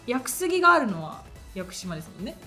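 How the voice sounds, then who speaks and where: A woman's voice: on the high side, big pitch swings, fast talker, sharp tone, faint music behind. A woman hosting a streamed talk show, chatting politely and laughing often. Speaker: radio show host.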